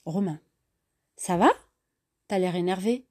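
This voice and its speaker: A woman's voice: fairly low pitch, measured pace, a little mellow, natural voice. A woman voicing a young man who is a pushy but friendly clubgoer, speaking casually and insistently.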